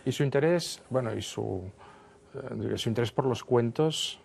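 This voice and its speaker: Slow gravelly male interviewer. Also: mid-range voice, darkish tone, a little hiss or hum. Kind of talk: interview questions.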